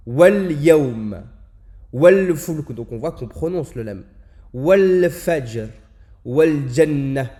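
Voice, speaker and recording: A man leads an Arabic lesson with a mellow, warm voice pitched in an ordinary middle range. He explains patiently, repeating the example words and drawing them out slowly so each sound can be heard. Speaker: Arabic teacher.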